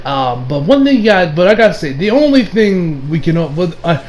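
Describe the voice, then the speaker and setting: A man's voice: fairly high pitch, sing-song, moderate pace, a little mellow, a little hiss or hum, rough recording. A young man giving casual, rambling commentary, full of fillers and casual swearing. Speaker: online commentator.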